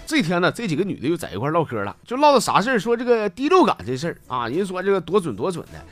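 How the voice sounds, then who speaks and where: A male comedy host with a Northeastern Mandarin accent tells funny stories in a folksy, slang-filled way. His voice sits a bit high and swings widely in pitch as he talks. Faint music plays behind him. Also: very fast. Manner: lively storyteller with folksy slang. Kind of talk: telling jokes and funny stories.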